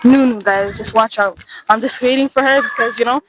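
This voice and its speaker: A young woman with a high voice chats with fellow hikers, quick to laugh as she asks her questions. She is recorded outdoors on a trail, with steady background noise under her voice. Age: young adult. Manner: chatty, laughs often while talking. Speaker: student vlogger interviewing hikers. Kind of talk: casual chat.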